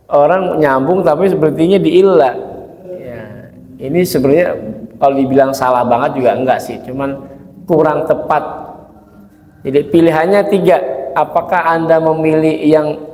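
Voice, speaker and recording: A man teaching Quran recitation in a casual religious lesson, asking rhetorical questions and demonstrating slow recitation, recorded in a mosque hall. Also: a little high, dark tone. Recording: echoey mosque hall with long reverb.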